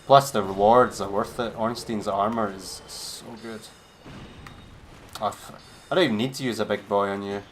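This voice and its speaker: A man's voice: lowish voice, steady tone, moderate pace. Guy streaming a game, laid back and chatty, bit sarcastic, faint hiss. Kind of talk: casual gameplay commentary.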